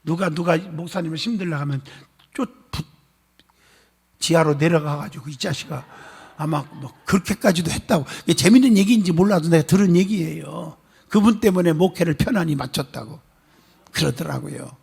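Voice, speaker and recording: A male pastor preaching a sermon, telling a story with animated gusto and calling on the congregation for amens. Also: fairly high pitch, moderate pace, vocal fry, husky. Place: church sanctuary. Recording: long church hall reverb.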